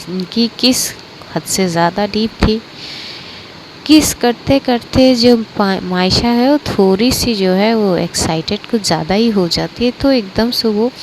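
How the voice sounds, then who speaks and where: A woman's voice: medium pitch, slight background noise, poor audio. A woman narrating a romance story aloud in a loose, casual way, with many fillers and restarts.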